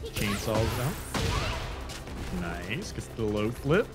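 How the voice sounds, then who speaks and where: A man's voice: fairly low pitch, big pitch swings, slow pace. A man giving casual live fighting game commentary, bantering and using slang over the match. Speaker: esports tournament commentator. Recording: music behind the voice.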